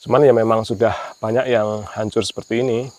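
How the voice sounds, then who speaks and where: A man's voice: on the low side, steady tone, a little fast, a little mellow. A man narrating a casual night vlog outdoors, explaining what he sees and often checking with his companion. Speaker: host of a mystery exploration vlog. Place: outdoors at night by a ruined empty village house.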